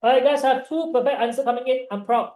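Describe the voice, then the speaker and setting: A young man with a Malaysian accent tutoring online in informal, Singlish-like English full of local particles, animated and encouraging. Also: very high voice, fast, roomy sound. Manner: animated, encouraging, peppering talk with "right" and "ah". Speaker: chemistry tutor.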